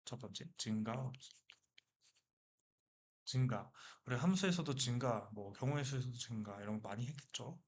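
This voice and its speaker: Husky man teaching a math lesson. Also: mid-range voice, moderate pace. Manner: lively, asks and answers his own questions. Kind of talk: lecture.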